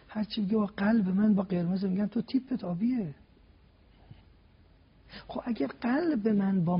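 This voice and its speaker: A religious guest speaker gives a talk on a TV program, setting out his points one by one with emphatic rhetorical questions. His voice sits high and is slightly rough, heard through dull lo-fi broadcast sound.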